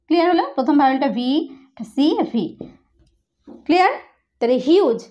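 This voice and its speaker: A woman teaching a lesson on English pronunciation, explaining step by step and often asking if it is clear. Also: high voice, darkish tone.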